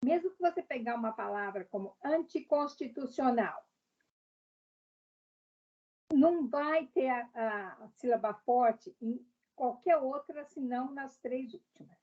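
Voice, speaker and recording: A woman's voice: sits high, normal speed, mellow, muffled recording. A woman from Brazil, a guest in a casual interview, speaking directly and explaining her views with examples.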